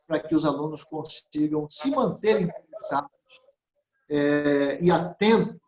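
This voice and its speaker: Male pastor, high voice, didactic lecturer, checks in with tag questions, stretches key words, roomy, dull lo-fi sound. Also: a bit bright. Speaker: pastor and Sunday school teacher trainer. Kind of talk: teaching lecture.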